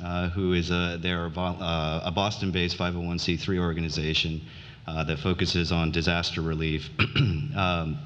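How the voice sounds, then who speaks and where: A middle-aged man giving a conference speech, halting with many fillers and restarts. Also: deep voice, little pitch movement, fairly bright tone. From United States (grew up in New Orleans). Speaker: conference speaker. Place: conference hall. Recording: dull reverberant hall.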